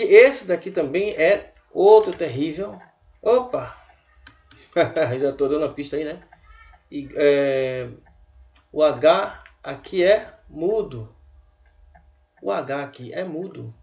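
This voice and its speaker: A man giving a casual online language lesson, chatty and repeating words slowly for his students. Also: fairly high pitch, very animated, darkish tone, muffled recording. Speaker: language teacher.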